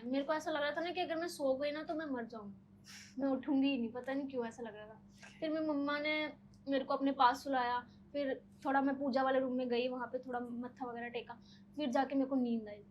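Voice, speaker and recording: Animated young woman telling a story. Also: high-pitched, highs cut off, a little hiss or hum. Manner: animated, frequent filler "ना". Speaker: podcast guest. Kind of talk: casual storytelling.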